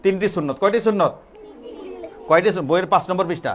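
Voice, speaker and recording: In a primary school classroom, a man teaches young children a religious lesson, quizzing and coaxing them and repeating each question call-and-response style. His voice is high, fast and a bit bright, over a noisy crowd of children answering in chorus.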